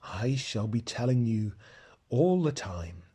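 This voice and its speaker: A man voicing a great, gentle, wise male lion in a storybook reading, speaking low, slow and husky, close to a whisper. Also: big pitch swings, heavily acted. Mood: solemn.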